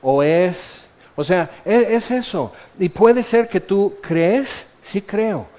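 A man preaching a sermon, slow and measured, repeating key phrases for weight. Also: high voice, animated, warm tone. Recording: dull lo-fi sound.

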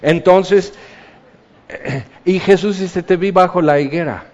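A man's voice: high voice, slow, darkish tone, highs cut off. A man preaching a sermon in a conversational way, often acting out the people he quotes. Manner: conversational, acts out quoted voices.

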